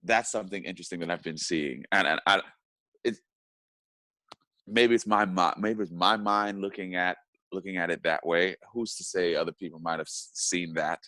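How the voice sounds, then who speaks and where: Deep-voiced man in a halting interview. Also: fairly even intonation, bright, forceful tone, no room sound. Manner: halting, often repeats and restarts words. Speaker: actor and podcast guest. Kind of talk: casual interview chat.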